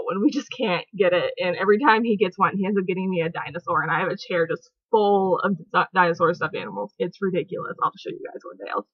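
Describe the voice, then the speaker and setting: Her voice is on the low side with a breathy edge as this young vlogger chats casually about a film at home, giggly, rambling and filler-heavy. It's a dull, lo-fi home recording without echo.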